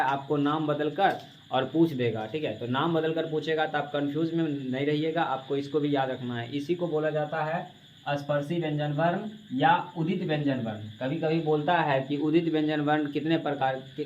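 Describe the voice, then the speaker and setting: A male teacher giving a classroom grammar lesson, asking questions and answering them himself to drill the students, and addressing them as "babu". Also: fairly high pitch. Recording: dull lo-fi classroom recording with faint hiss.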